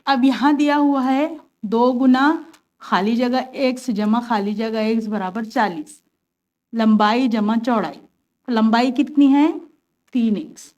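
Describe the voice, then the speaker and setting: This maths teacher has a slightly mellow voice on the high side. She walks her class through worked examples with patience, one step at a time, posing her own questions and supplying the answers.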